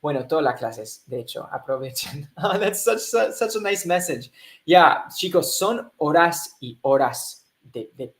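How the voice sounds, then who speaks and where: An upbeat male teacher runs a live online English class, reading viewer chat and slipping into English phrases. His voice sits fairly high, and he takes his time between words. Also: expressive, a little slow.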